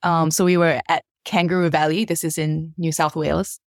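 A woman in her thirties from Singapore, a worship leader telling her story in a podcast interview with many fillers and animated jumps in pitch. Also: normal speed, no echo, clean studio sound.

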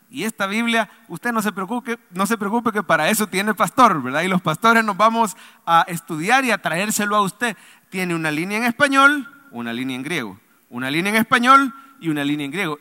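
High, bright-voiced preaching pastor, man. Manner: preaching with call-and-response to the congregation; swings between loud emphatic lines and soft low asides. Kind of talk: sermon. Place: church sanctuary. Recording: long reverb of a large hall.

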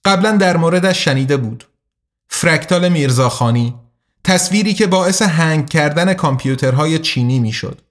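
A man narrating a story in an even, measured way. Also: fairly high pitch. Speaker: audiobook narrator. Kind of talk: scripted narration.

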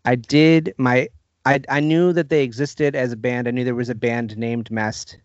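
A man co-hosting a casual podcast about music, reading out album facts in a brisk list. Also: mid-range voice, fairly even intonation, no room sound, lo-fi sound. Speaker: podcast co-host. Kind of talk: casual chat.

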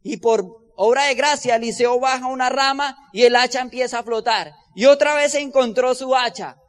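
Man, motivational convention speaker, very high voice, long hall reverb, preachy storytelling. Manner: preachy, storytelling, emphatic slow build-ups. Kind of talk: convention speech.

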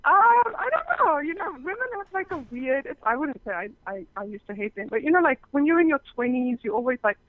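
Her voice is high-pitched and sing-song, fairly quick, with hardly any pauses and no echo. She's a South African phone sex operator, a guest in a casual interview who speaks openly about her work and restarts a lot. The audio sounds dull and muffled, like a phone line.

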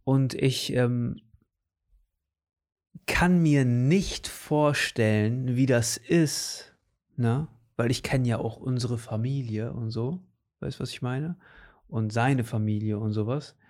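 Relaxed slangy German-speaking man. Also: mid-range voice, takes it slowly. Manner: relaxed, slangy, lots of fillers and tag questions. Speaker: conversation partner. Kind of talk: casual chat.

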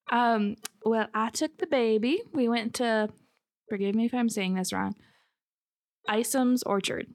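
A woman's voice: on the high side, slow pace, long pauses, dry recording, clean studio sound. A woman from Michigan with an American accent, chatting casually as a podcast co-host. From Michigan, United States. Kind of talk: casual conversational chat.

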